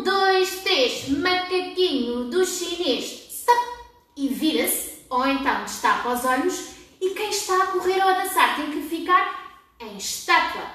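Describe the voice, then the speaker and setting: A woman's voice: high voice, a bit bright. A young woman with a European Portuguese accent, speaking in a kindergarten teacher voice, prompting small children with questions as she leads a play class. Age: young adult. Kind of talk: demonstrating a children's game to camera. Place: padded indoor children's playroom. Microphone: camera several metres away. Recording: very echoey room, distant microphone.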